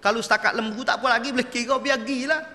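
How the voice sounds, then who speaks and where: A middle-aged man giving a mosque sermon, telling lively stories and acting out his teachers' voices. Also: very high-pitched, quick pace. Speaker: religious teacher. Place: mosque prayer hall. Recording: echoey hall.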